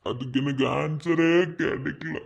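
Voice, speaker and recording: A man doing a heartbroken, gravelly young lover. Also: fairly high pitch, steady tone, measured pace, highs cut off. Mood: pleading. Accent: Madurai Tamil. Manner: pleading, insistent. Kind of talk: cartoon voice acting.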